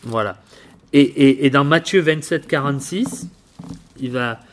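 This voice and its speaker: A man giving informal Bible teaching, halting and repeating words, often asking his listeners questions. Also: mid-range voice, a little hiss or hum. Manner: halting, repeats words, tags phrases with "hein"; addresses listeners directly with questions. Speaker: preacher.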